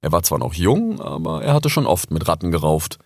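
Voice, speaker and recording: A man narrating an animal story audiobook with expressive, lively storytelling. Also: low voice, fairly quick, creaky, no echo, clean studio sound.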